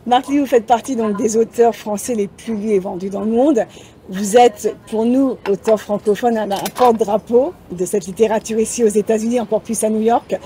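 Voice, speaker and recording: A woman's voice: on the high side, steady tone, normal speed, warm tone, slight background noise. A woman interviewing an author, listening attentively and affirming often. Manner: attentive, frequent affirming responses. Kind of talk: interview conversation.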